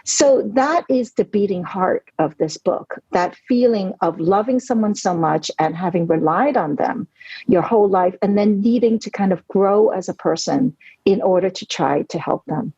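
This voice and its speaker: Husky and dark-toned, her mid-range voice keeps a moderate pace. She is a novelist in her forties, Hong Kong-born and New York City-raised, reflecting earnestly on her life as a podcast guest and frequently dropping "you know." There's no room sound; the recording is dry, dull and lo-fi.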